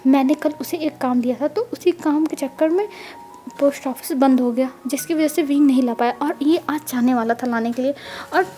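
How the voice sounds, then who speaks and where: A woman's voice: high voice, brisk, dark tone, faint music behind, close to an everyday voice. A woman voicing a loving, protective motherly woman who soothes and reassures.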